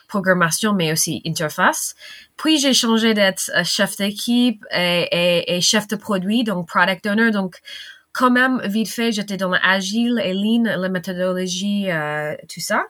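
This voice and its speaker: A woman's voice: mid-range voice, a bit bright, dry recording. American woman speaking french, lots of euhs and little laughs, dry close sound. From western United States. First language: English. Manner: halting, many fillers, laughs often. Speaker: guest. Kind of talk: casual interview talk.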